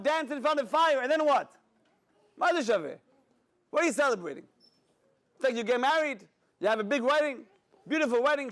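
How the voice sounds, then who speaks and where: A man giving a sermon as a rabbi, an animated storyteller who talks straight to his audience. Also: very high voice. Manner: animated storyteller, acts out dialogue, addresses audience directly.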